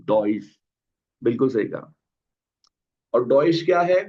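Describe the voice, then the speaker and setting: A man with a medium-pitched, expressive voice takes his time teaching German in an online class, patiently quizzing students and repeating words. The recording comes through a video call as dull, lo-fi audio.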